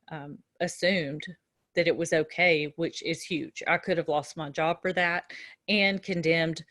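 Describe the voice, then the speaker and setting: A middle-aged woman teaching nursing students in a relaxed lecture, telling a story from her own work with fillers and restarts. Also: lowish voice, no room sound, studio quality. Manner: conversational, with frequent fillers and restarts. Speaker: nursing instructor. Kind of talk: recorded lecture with a personal story.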